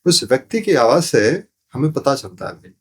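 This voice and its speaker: A sound therapy teacher, appearing as a podcast guest, explains spiritual ideas in a sing-song, breathy mid-range voice at a moderate pace. His interview delivery is didactic, repeating phrases and using rhetorical questions.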